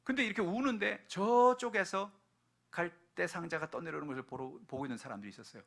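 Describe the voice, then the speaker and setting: A male pastor preaching a sermon, telling the story dramatically and swinging from hushed tones to loud exhortation. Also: sits high, fast, creaky.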